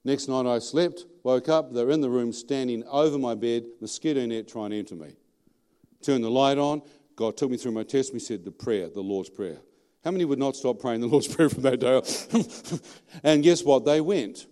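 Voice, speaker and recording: A middle-aged Australian man preaching his testimony in a lively, colloquial storytelling manner, often putting questions to the audience. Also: mid-range voice, moderate pace. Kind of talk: storytelling sermon.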